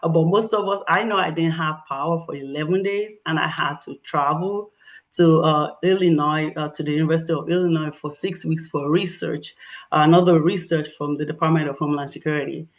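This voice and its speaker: This is a low-pitched, fairly quick middle-aged woman with a Nigerian accent. A professor, she presents her findings at a community meeting in an animated, story-driven style full of fillers.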